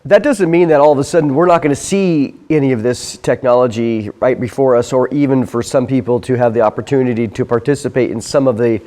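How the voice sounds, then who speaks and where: A man hosts an interview at a brisk, rapid clip. He talks casually and keeps nodding along with quick words of agreement. His voice sits at a middle pitch. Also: steady tone, warm tone. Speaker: host. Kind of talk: conversational interview discussion.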